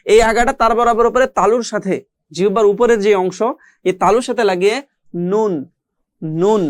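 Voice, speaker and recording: Recitation teacher, middle pitch, dry close sound, patient and methodical, repeats letter sounds slowly. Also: no room sound. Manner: explains step by step, addressing learners directly. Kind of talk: recorded online class on pronunciation.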